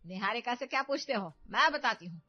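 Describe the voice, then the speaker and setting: A woman voicing a meddling, domineering middle-aged mother who loudly stirs up trouble in her family. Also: fairly high pitch, lively intonation, fairly quick, no room sound, muffled recording, pitched above the performer's own voice.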